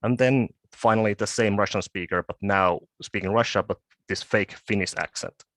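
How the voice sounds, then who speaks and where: Halting low-voiced man presenting research. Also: a bit bright, no echo. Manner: halting, with frequent word repeats and restarts. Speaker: conference presenter. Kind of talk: academic conference presentation.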